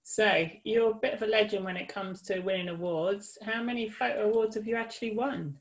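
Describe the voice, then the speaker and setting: A woman's voice: mid-range voice, brisk, low-quality recording. Enthusiastic woman interviewing a guest. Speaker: webinar interviewer. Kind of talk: interview questions.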